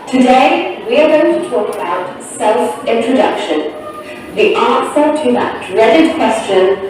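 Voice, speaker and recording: A woman presenting a scripted English video lesson with clear presenter delivery. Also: fairly high pitch, far from the mic. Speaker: online English teacher. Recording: video played in an echoey room with music.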